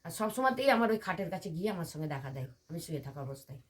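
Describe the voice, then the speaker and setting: In an interview, a temple devotee from West Bengal, India, an older woman, earnestly recounts her personal story in detail, quoting others often. She talks very fast in a fairly low voice with big swings in pitch.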